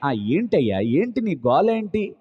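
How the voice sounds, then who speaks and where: A preacher acting out a divine being who gives brusque commands and gruff reassurance, in a muffled, echoing hall. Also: male voice, fairly high pitch, sing-song, a little slow, voice pushed down, heavily acted. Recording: muffled long hall reverb.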